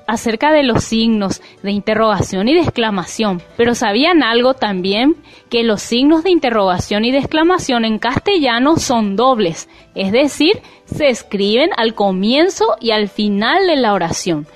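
A woman teaching a language lesson, explaining slowly and clearly, with faint music behind her. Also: a little high. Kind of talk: classroom lesson.

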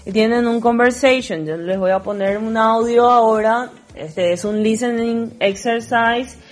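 A woman's voice: fairly high pitch, unhurried, faint music behind. A woman teaching English and walking students through worksheet exercises with patient, step-by-step explanations that mix Spanish and English. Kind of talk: recorded classroom lesson explaining worksheet exercises.

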